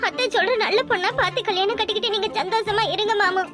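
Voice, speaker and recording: A woman's voice: extremely high pitch, fairly even intonation, quick pace, loud music behind the voice. A woman voicing a pleading, sly young village woman in a cartoon, with a southern Tamil accent. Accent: southern Tamil, Tirunelveli. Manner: coaxing, pleading.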